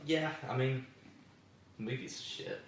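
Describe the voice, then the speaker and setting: A man's voice: medium pitch, measured pace, far from the mic. A man hosting a podcast, chatting casually in a laid-back, rambling way and swearing now and then. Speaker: podcast host. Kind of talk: casual chat. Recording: echoey room, away from the mic.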